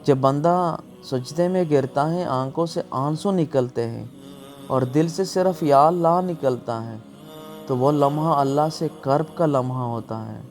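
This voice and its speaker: A man's mid-range, darkish voice narrates a scripted religious sermon with music behind it. He preaches in an earnest, pleading, emotional way.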